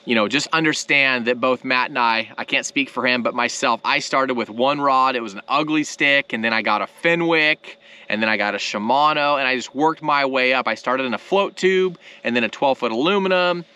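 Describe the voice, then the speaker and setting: A man in his thirties hosting a fishing channel, explaining gear to the camera in a casual, energetic, plain-spoken way from a boat on a lake. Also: mid-range voice, normal speed, clean tone. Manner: energetic, plain-spoken, lots of "right?" and "okay?". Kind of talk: casual instructional talk to camera. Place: outdoors on a boat on a lake at sunset. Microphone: camera in front at close range.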